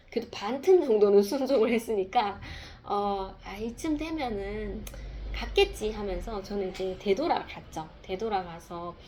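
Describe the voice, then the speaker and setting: Soft-spoken woman telling a story. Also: medium pitch, a little hiss or hum. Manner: soft-spoken and reflective, with pauses and fillers. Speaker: speaker sharing a personal testimony. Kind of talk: casual testimony talk.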